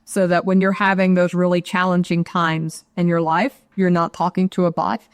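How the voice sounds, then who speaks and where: A woman, an actuary guest in an interview, explaining her points in a measured way and often adding "right?". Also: lowish voice, level tone, dry recording. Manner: measured, explanatory, adds tag questions. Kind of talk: interview answer.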